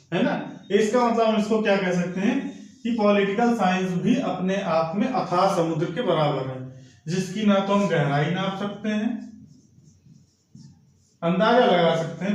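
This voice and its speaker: A man teaching an exam coaching lecture, who explains patiently and asks and answers his own questions. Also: high-pitched. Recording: very echoey room.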